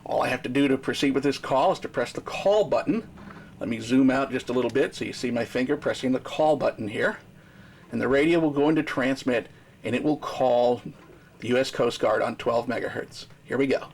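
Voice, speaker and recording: A man's voice: medium pitch, a little fast, darkish tone. An American man instructing step by step in marine radio use, methodical and explanatory. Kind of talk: step-by-step demonstration with radio procedure. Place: aboard a docked sailing boat.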